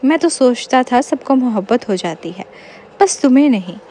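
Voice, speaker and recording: A woman's voice: sits high, lively intonation, dark tone, a little hiss or hum. A woman voicing a cheeky, self-pitying young man in a storybook reading. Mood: teasing. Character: cheeky lonely young man, whiny joker.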